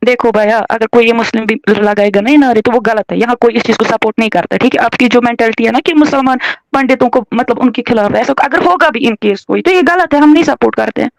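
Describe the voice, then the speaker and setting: A woman's voice: on the high side, vocal fry, hardly any pauses, no echo. A woman from Kashmir, calling in to a heated debate and answering defensively and emotionally. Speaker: caller.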